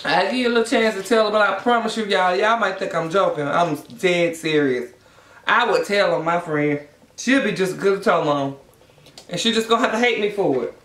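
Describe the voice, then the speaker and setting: A vlogger chatting casually and bluntly to viewers between bites of food, telling things in an animated way. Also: medium pitch, a little fast. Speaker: mukbang vlogger. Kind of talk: casual chatty mukbang vlog while eating. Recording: echoey room.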